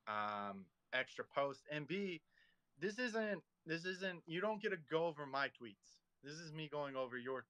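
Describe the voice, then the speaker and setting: A man's voice: medium pitch, sharp tone, clear, resonant tone, no echo. A man hosting a casual online audio chat, rambling and teasing, with lots of fillers. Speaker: host of a social audio room.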